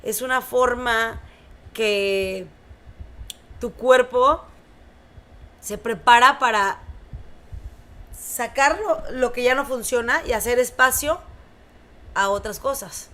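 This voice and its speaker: A Mexican woman hosting a podcast, telling a personal story in an animated, casual way with many fillers. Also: fairly high pitch, slow pace, pauses often. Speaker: podcast host. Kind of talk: casual chat.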